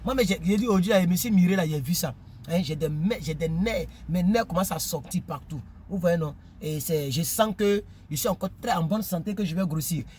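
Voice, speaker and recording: A man casually vlogging to his subscribers, animated and preachy, often repeating words while he searches for them. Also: high-pitched, a little fast, slight background noise. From Ivory Coast. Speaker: YouTuber.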